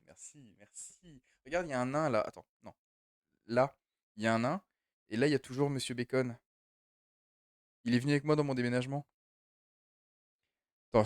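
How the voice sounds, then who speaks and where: A man's voice: mid-range voice, darkish tone, dry recording, studio quality. A young man streaming a game from home, chatting loosely and rambling as he answers his chat. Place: home room.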